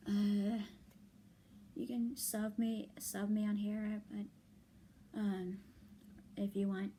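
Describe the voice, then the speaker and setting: Speaking to viewers late at night, the weary young vlogger lets off steam in a quiet, faltering voice that often sinks to a half-whisper. Her mid-range voice is a bit hoarse and packed with fillers, and there's slight background noise.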